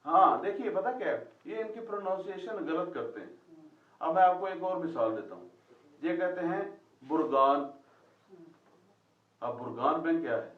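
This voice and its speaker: In this classroom lesson, the Quran Arabic teacher quizzes students and repeats what they answer, heard from a distance. His high voice has lively intonation and a moderate pace. The room is echoey, and the sound is phone-quality.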